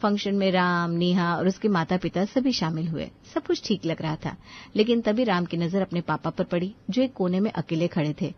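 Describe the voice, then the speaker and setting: A woman narrating a scripted family story in a steady, expressive storytelling voice. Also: on the low side, moderate pace, muffled recording.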